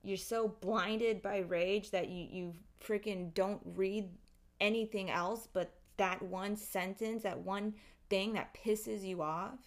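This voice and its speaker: A woman's voice: mid-range voice, steady tone, takes it slowly. A woman hosting a podcast, giving a casual, opinionated monologue in an emphatic, exasperated, ranting way with heavy swearing. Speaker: podcast host.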